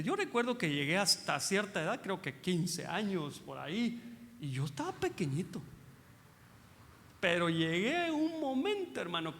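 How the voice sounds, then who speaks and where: A man's voice: high voice, fairly bright tone, in a large hall. A man preaching a conversational sermon, folksy and joking, asking the congregation rhetorical questions and calling them brother. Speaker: pastor. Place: church hall.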